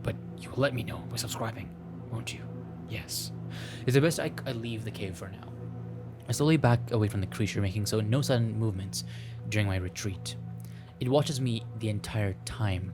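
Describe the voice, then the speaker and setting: A lowish male voice at normal speed reads a visual novel aloud while hosting a gameplay video. He adds playful, self-mocking remarks and stumbles over the text, with music in the background.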